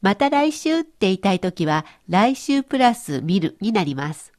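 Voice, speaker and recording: A woman's voice: medium pitch, moderate pace. A woman presenting a radio language lesson, explaining cheerfully. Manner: cheerful explaining, lively intonation. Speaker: language teacher.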